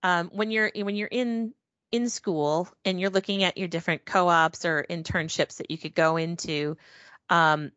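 Lady guest chatting on a podcast call, lowish voice, lots of ums, kinda muffled and dry. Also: steady tone, a little slow, a bit bright, no echo. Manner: chatty, frequent ums and restarts. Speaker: podcast guest, packaging professional. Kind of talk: casual interview talk over a call.

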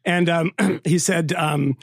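A man hosting a podcast in casual, joking, talkative banter, with vocal fry in his voice. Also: on the high side, fairly even intonation, slow pace, no room sound, clean studio sound. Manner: talkative, joking, self-mocking. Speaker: podcast host.

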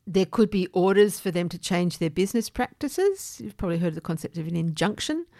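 Hosting a podcast, a woman explains things casually but at a measured pace, her fairly low voice carrying clear vocal fry. She sounds animated with a dark tone, and the audio is dry, with no room sound at all.

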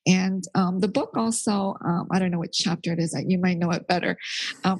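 A woman's voice: on the low side, darkish tone, husky, no echo, rough recording. A middle-aged woman author, born in Korea and raised in Canada, speaking thoughtfully and earnestly in an interview, with many fillers. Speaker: author, theologian guest. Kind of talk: interview conversation.

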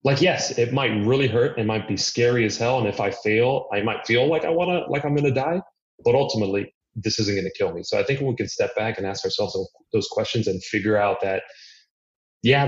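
A man from Miami, a podcast guest, talking earnestly and reflectively, thinking aloud with frequent restarts. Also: on the low side. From Miami, United States. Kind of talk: reflective conversational interview. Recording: echoey room, dull lo-fi sound.

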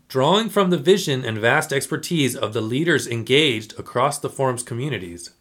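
A man's voice: mid-range voice, a bit bright. A man hosting a podcast in casual chat, reading passages aloud and explaining them in a loose, rambling way. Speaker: podcast host.

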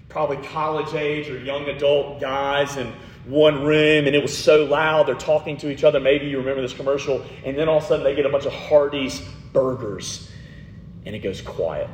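A man preaching a sermon as pastor, earnest, often dropping to a soft voice for emphasis. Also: a little high. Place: church sanctuary. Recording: roomy church hall with long reverb.

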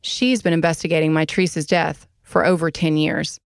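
A woman host reading scripted true-crime narration in a calm, measured way. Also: low voice, gravelly, clear, resonant tone, dry recording, studio quality. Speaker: podcast host, private investigator.

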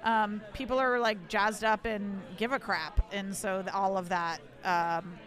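A woman's voice: mid-range voice, steady tone, a little slow, fairly bright tone. A middle-aged woman chatting casually as a podcast guest, laughing and swearing now and then.

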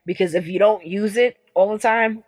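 A woman activist from the United States, talking in an emphatic, animated way in a casual interview and acting out the exchanges she describes. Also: medium pitch, moderate pace, no room sound. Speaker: activist guest.

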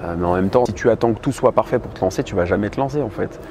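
A man's voice: lowish voice, rapid-fire, a little mellow. A man in his thirties talking candidly and bluntly in a casual vlog, with plenty of fillers. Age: 30s. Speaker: vlogger. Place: outdoors on a busy city street. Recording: noisy outdoor street recording. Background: traffic and street ambience.

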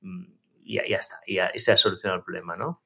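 A man's voice: sits low, very fast, vocal fry, slightly rough. A man hosting an interview podcast, chatting easily and sharing stories from his own family life. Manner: shares personal anecdotes, chatty and relaxed. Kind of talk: conversational interview.

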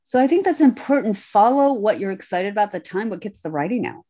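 A woman hosting an online writing panel, reading out chat comments and handing questions to her guests in a relaxed way with frequent ums. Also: mid-range voice, fast. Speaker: host.

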